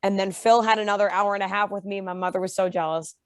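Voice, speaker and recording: A young woman guest in a casual interview, telling her story with lively pitch jumps when she acts out quotes. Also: fast, no echo. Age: young adult. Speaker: interview guest, reality show contestant.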